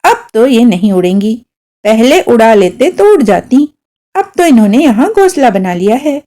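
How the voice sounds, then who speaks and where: A woman's voice: a little high, sing-song, normal speed, dark tone. A woman voicing a middle-aged mother who teases her husband with sarcastic, amused remarks. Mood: resigned. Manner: sarcastic, mocking.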